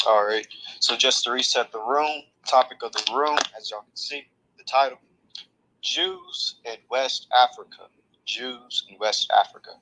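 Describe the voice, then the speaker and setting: A man moderating a casual live audio chat, briskly organizing who speaks next. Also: mid-range voice, sing-song, vocal fry, noisy background. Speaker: room moderator.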